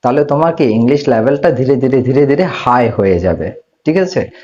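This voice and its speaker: A man teaching an English grammar lesson, asking questions and answering them himself, slowing down to spell out English words. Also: mid-range voice, expressive, a little mellow. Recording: slightly dull lo-fi audio.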